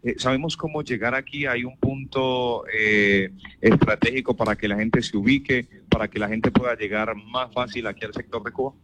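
A man reporting live on the radio from an outdoor shelter, brisk and upbeat as he describes the scene and interviews people. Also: medium pitch, fairly even intonation, dull audio, very noisy. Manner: brisk, upbeat on-location delivery. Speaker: field reporter.

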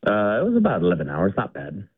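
A man's voice: on the low side, huge pitch swings, quick pace, breathy edge, no echo. A middle-aged man from India calling in to a radio show, chatting casually and rambling with lots of fillers and restarts. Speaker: caller. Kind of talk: casual call-in chat. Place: home garage. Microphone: phone. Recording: tinny phone line.

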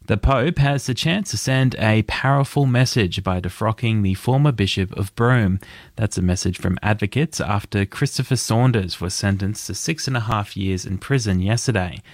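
A man with an Australian accent reading the news in a steady, measured way from a studio. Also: lowish voice, dry recording. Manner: steady measured newsreader delivery. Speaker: news presenter.

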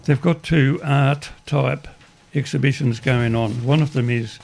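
An Australian man hosts a community radio show, rambling through announcements, often restarting sentences, and sounding upbeat about good news. His mid-range voice is gravelly, croaky, and a little mellow, a little slow, with slight background noise.

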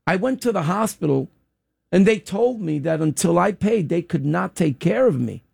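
Gravelly, scolding New radio host. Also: male voice, sits high, lively intonation, normal speed, darkish tone, no room sound, studio quality. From Dominican Republic. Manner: emphatic, scolding, punchy short phrases. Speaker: radio talk show host. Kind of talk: opinionated talk radio monologue. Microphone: studio microphone.

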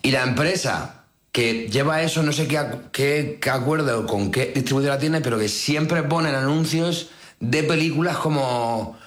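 A man chatting casually in a studio, deadpan and rambling, often restarting his sentences. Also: medium pitch, normal speed. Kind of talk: casual comedic chat. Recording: roomy echo.

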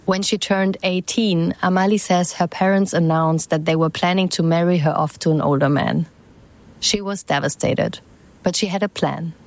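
A woman reporter giving scripted news narration in a measured, even way. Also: fairly low pitch.

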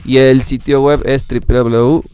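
A Mexican therapist talking as a guest in a casual chat, explaining calmly with examples and fillers. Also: male voice, mid-range voice, measured pace, smooth, dry recording. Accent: Mexican Spanish.

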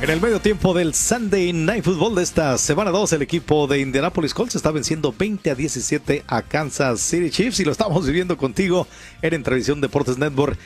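A man's voice: a little high, a little fast, soft background music. A man working as a sports radio host, giving live American football commentary.

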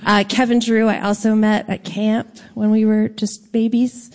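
A woman's voice: a little high, little pitch movement, measured pace, background noise. A playful, jokey woman, chatting and laughing as a musician guest on a live stage. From Toronto, Canada. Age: 50s. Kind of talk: live stage interview chat. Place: theater stage before an audience.

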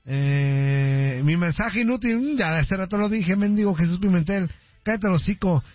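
A man's voice: high-pitched, normal speed, no room sound, soft background music. Joking Mexican male radio host. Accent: Mexican Spanish. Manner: joking, teasing, crude banter. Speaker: radio host reading listener messages. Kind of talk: casual call-in radio chat. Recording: dull, dry radio sound.

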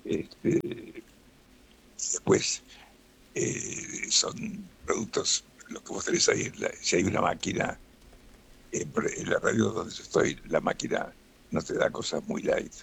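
A man's voice: deep voice, wildly swooping pitch, slow pace, vocal fry, fairly bright tone, husky. A man with a Rioplatense Spanish accent, explaining things relaxedly as a doctor guest in a radio interview and often tagging "¿no?".

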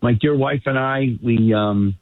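A man's voice: mid-range voice, a little slow, no echo. A middle-aged man with a faded Boston accent, chatting casually and a little hesitantly as a correspondent on a radio show. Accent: Boston, fading. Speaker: Washington correspondent, guest caller. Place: remote link to a radio show. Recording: tinny, band-limited remote line.

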